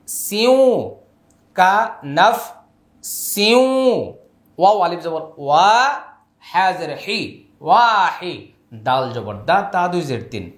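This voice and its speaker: Male Quran reading teacher, fairly high voice, slow drawn-out letter-by-letter drilling, roomy echo. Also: a bit bright. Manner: spells letters and vowel marks, then chants words slowly, with quick asides. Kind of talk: slow syllable-by-syllable recitation lesson.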